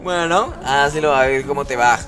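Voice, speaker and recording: On his casual live game stream, a man talks with followers in a chatty way, greeting each by name and reading comments aloud. His voice is medium-pitched and a bit bright, moving at a normal speed.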